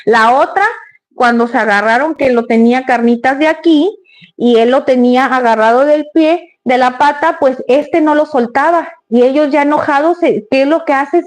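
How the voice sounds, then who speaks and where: A woman's voice: sits high, moderate pace, darkish tone. A woman, chatting to her viewers in a rambling, storytelling way. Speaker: vlogger. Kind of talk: casual storytelling to the camera.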